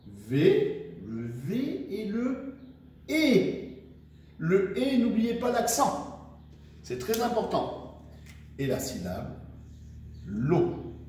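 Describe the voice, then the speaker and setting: A man teaching young children, dictating words slowly syllable by syllable and encouraging them, recorded far from the mic in an echoey room. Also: sits high, darkish tone, a little hiss or hum. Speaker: primary school teacher. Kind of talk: slow dictation lesson for children.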